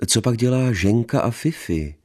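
A man voicing a polite, understanding married gentleman with a soft voice. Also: medium pitch, expressive, voice pushed up, lightly acted.

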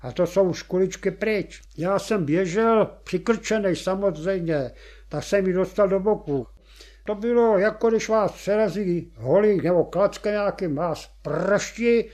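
A man in his eighties recalling combat as a war veteran, telling it vividly and acting out the shouts of the men around him. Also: high voice. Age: 80s. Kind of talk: personal war testimony.

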